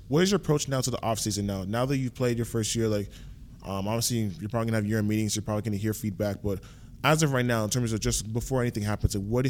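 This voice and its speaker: A young man in his twenties hosts a casual sports podcast. He talks fast and chatty in a somewhat low voice, with a steady stream of fillers. Faint noise hums behind him. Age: 20s. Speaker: podcast host, athlete.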